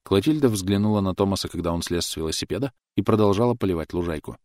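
A man narrating an audiobook in a measured, even reading voice. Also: low voice, dry recording, studio quality. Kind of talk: scripted narration.

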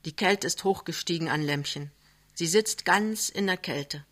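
Female literary reader; quiet, measured, unhurried. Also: fairly low pitch. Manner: slow, hushed, measured. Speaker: audiobook reader. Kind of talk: literary reading. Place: live reading soirée.

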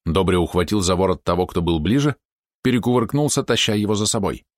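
A man narrating an audiobook in a measured, expressive storytelling manner. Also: low voice, dry recording, clean studio sound. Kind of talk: scripted narration.

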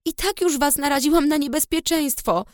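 A woman's voice: sits high, moderate pace, no echo, studio quality, pitched above the performer's own voice, natural voice. A woman doing a pleading young girl. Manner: urgent and pleading. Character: frightened, stubborn teenage girl dragon rider.

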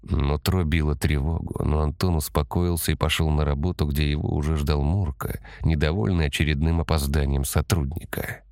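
A man narrating a story in a steady, measured audiobook reading. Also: a bass voice, dry recording, clean studio sound.

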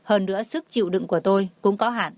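A woman's voice: mid-range voice, fast talker, a little mellow, no echo, lightly acted. A woman reading the lines of a cold, haughty rich older woman in a storybook, curt and dismissive.

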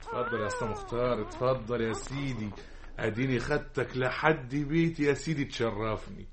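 A man's voice: medium pitch, a little fast, a bit bright, a little hiss or hum, close to an everyday voice. An actor with an Egyptian accent playing a humble, devoted man in an old radio play who pleads and coaxes. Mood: pleading. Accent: Egyptian Arabic. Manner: pleading, coaxing. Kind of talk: 1960s Egyptian radio drama acting.

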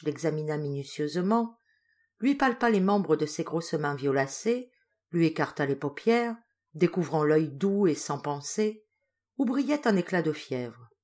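Woman narrating a classic story, measured. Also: deep voice, darkish tone. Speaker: audiobook reader. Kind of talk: literary audiobook narration.

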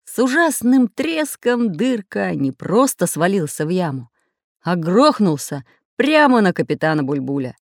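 A woman's voice: lowish voice, unhurried, gravelly, no room sound. Woman narrator for a children's audiobook, dry close sound. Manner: expressive storytelling.

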